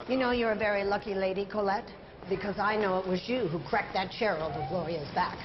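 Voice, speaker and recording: A woman's voice: medium pitch, a little fast, lightly acted. A woman playing a cold prison official warning a released inmate. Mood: stern. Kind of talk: film drama acting. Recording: dull lo-fi clip with clear noise.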